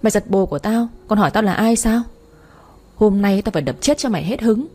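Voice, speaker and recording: A woman's voice: medium pitch, lively intonation, fairly quick, mellow, natural voice. A woman voicing a crude, bossy young woman friend in a storybook reading. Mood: brash scolding.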